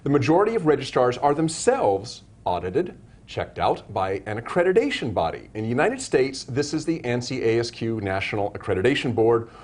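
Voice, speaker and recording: Guy hosting a web show interview, medium pitch, rambly questions with lots of restarts. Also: big pitch swings, brisk, a little mellow. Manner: rambling, self-correcting questions. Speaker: show host. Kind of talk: live web broadcast interview.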